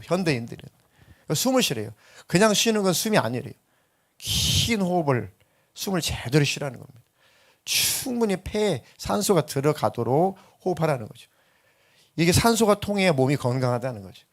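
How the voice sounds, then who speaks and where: A middle-aged man preaching a sermon as pastor, telling stories and acting out voices. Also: fairly high pitch. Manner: lively storytelling, acts out voices in anecdotes.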